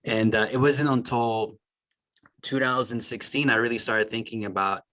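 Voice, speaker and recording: A man's voice: medium pitch, steady tone, normal speed, bright, forceful tone, low-quality recording. A man co-hosting a podcast, chatting casually over a video call, rambling with lots of fillers and restarts. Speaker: podcast co-host. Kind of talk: casual group discussion. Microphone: remote video call.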